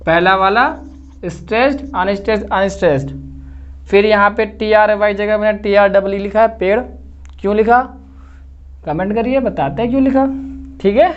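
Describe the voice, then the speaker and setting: A man's voice: sits high, moderate pace, long pauses, muffled recording. A man teaching literature in a lecture video, explaining step by step and often checking that students follow. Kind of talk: classroom-style lecture video.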